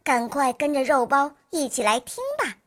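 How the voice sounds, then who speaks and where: Cute, high-voiced woman hosting a kids' story show. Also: normal speed, a bit bright. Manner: cute, sing-song greeting. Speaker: children's story host.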